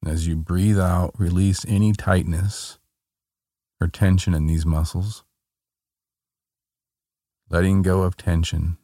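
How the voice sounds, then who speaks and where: A man guiding a body-scan relaxation in a calm, meditative tone, gently giving short soothing instructions. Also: sits low, slow pace, long pauses, no room sound, clean studio sound. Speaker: meditation guide.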